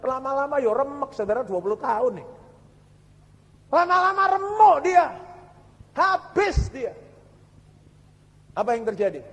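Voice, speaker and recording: Pastor, very high voice, dramatic sermon storytelling hushed and shouted turns, long hall echo. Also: male voice, sing-song, normal speed, pauses often. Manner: addresses the congregation as "saudara".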